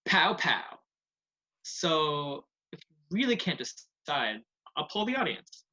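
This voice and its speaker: A man's voice: a little high, big pitch swings, takes it slowly, sharp tone, exaggerated voice, rough recording. A man playing a laid-back, scheming casting assistant who talks in a breezy, offhand way in an online amateur comedy sketch. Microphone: video call.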